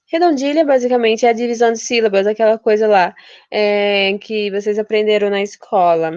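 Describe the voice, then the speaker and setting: A woman's voice: mid-range voice, steady tone, a little fast, a little mellow, no echo. A young woman from Brazil teaching a casual literature lesson, chatty and informal, often restarting her words. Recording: dull, lo-fi and dry.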